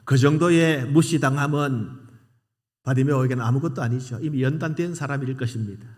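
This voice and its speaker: A male pastor delivers a sermon in a dramatic storytelling manner at a middle pitch. His voice rings with a long reverb through a church sanctuary. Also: a little fast. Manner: dramatic storytelling with loud quoted cries.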